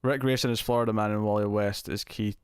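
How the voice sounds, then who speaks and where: A man with a fairly low voice hosts a casual live stream. He rambles easily as he answers viewers and thinks aloud. The sound is close and very dry, heavily compressed so that his level stays constant. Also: fairly even intonation, quick pace, clear, resonant tone, no room sound. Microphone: close streaming mic with compressor.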